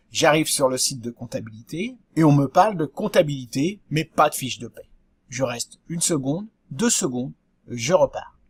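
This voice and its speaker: Husky man explaining web marketing. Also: a little high, no room sound, studio quality. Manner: didactic, addresses viewers directly with rhetorical questions. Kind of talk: explanatory video talk.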